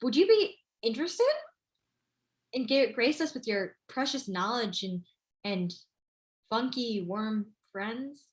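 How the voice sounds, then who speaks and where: A woman acts as a female news anchor in a comic play, with a fairly high voice. She is emphatic and announcer-like, polite in a slightly awkward way. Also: animated, takes it slowly, pauses often. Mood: awkward, hesitant. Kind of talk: comic news-report acting.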